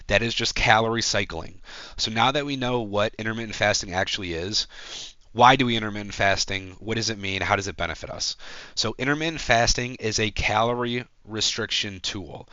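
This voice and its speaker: A man's voice: mid-range voice, bright, forceful tone, smooth, dry recording, muffled recording. A young man with a stuffy, congested voice from a cold, explaining a topic to viewers in a casual, direct way. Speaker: fitness educator. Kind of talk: talking-head educational video.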